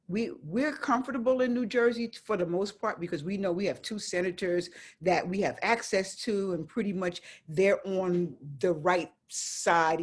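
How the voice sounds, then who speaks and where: A woman speaking on a community video call, halting and full of fillers, reading numbers out slowly and deliberately. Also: lowish voice. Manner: slow, halting, with many fillers and restarts. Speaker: panelist.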